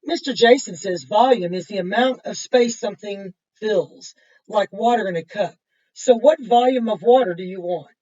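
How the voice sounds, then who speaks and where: A kindergarten teacher's mellow, mid-range voice moves at a moderate pace as she reads a picture book to children. She explains things simply, points them out, repeats, and asks questions. The audio is muffled because the microphone is far away.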